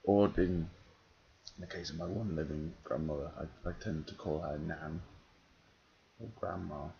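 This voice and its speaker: A man from northern England with a London-softened English accent and slight northern touches, answering a casual questionnaire in a hesitant, dry, deadpan way. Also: extremely low pitch, measured pace, gravelly. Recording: dull, noisy home recording.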